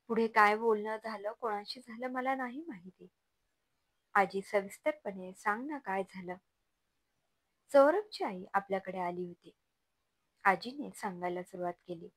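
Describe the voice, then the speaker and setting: A woman narrating a family love story and voicing every character, giving the dialogue emotion as she reads. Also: medium pitch. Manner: voices each character in turn with emotional dialogue. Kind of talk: dramatized story reading, voicing all characters.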